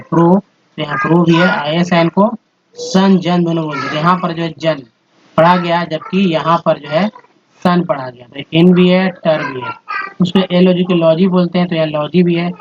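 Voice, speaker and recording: A man's voice: fairly high pitch, fairly even intonation, moderate pace. Man patiently drilling English letter sounds. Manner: repetitive, step-by-step explaining, addresses viewers as friends. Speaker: English teacher. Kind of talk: slide-based phonics lesson. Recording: dull lo-fi audio with faint noise.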